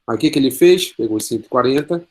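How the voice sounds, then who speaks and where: A man's voice: medium pitch, lively intonation, fast talker. A man with a Brazilian Portuguese accent teaching an online class, telling a story with quoted dialogue and walking through sums on a calculator.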